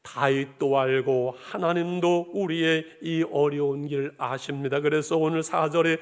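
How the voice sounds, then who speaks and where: A man's voice: fairly high pitch, steady tone, a little slow, smooth. A man, a pastor, delivering a sermon and addressing his congregation directly, with swells of emphasis.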